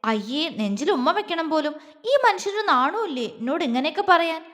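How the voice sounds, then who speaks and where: A woman's voice: high voice, very animated, fairly quick, fairly bright tone, in a large hall. A woman voicing a shy, flustered young woman who stammers through coy protests in a romantic audio story.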